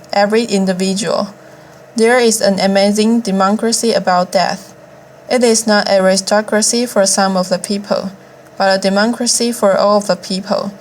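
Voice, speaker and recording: A woman's voice: medium pitch, a little hiss or hum. A woman delivering a eulogy as a formal, oratorical speech, occasionally stumbling over a word. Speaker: speaker delivering a famous eulogy.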